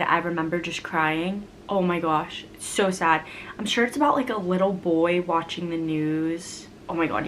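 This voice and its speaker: A woman's voice: on the low side, a bit bright, a little hiss or hum. A young woman vlogger in a casual chat answering viewer questions, rambling and chatty with frequent laughs.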